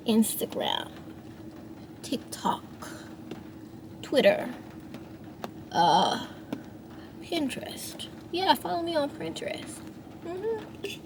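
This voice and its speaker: A singer and songwriter in her thirties, her high voice touched with vocal fry, rambles reflectively about her emotions against a noisy background. Her talk is full of restarts and fillers.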